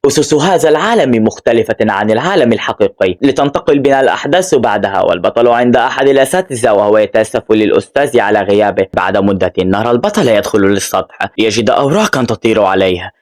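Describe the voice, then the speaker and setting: A man narrating an anime plot recap in a brisk, scripted storytelling read, voicing the characters' quoted lines in his own voice. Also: on the low side, animated.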